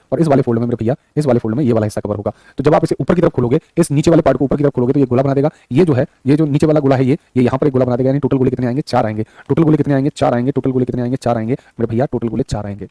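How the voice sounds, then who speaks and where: With barely a pause, this male teacher talks very fast in a warm, mid-range voice, recorded on a studio microphone with no room sound. During his live online exam-prep class he repeats things, reads viewers' chat out, and affectionately calls students son and brother.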